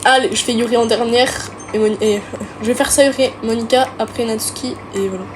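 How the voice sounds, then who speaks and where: A woman's voice: a little high, steady tone, brisk, noisy background. A woman streamer reading a visual novel aloud with casual, joking asides, with game music behind her. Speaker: let's play streamer. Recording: music playing underneath.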